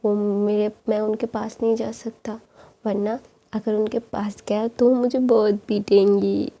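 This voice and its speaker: A woman's voice: medium pitch, flat delivery, unhurried, mellow. A woman voicing a distressed father who scolds and then pleads that everyone is ignoring him. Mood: scolding. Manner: pleading, self-pitying.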